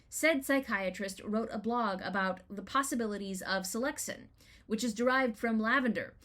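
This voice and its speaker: A woman writer with a medium-pitched voice performs her personal essay as a dramatic reading. She tells it in an expressive, deliberate way, leaning on emphatic rhetorical questions.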